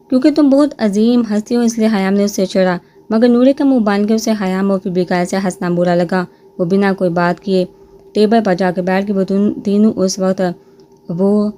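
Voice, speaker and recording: A woman narrating a romance novel aloud, reading every character's lines in her own voice with small lifts in pitch. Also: mellow, a little hiss or hum. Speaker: novel reader.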